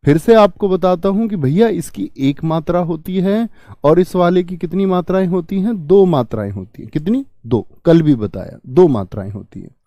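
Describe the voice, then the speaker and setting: A man's voice: a little high, normal speed, dark tone, dry recording. A young man teaching a grammar lesson online, explaining step by step and asking and answering his own questions. He calls his viewers friend and brother. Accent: Hindi.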